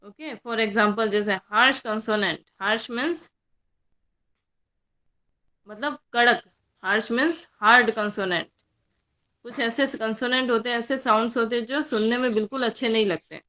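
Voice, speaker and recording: A woman's voice: fairly high pitch, normal speed, pauses often, bright, forceful tone. A young woman college lecturer with a Hindi accent, teaching a class in a mix of Hindi and English and answering her own questions.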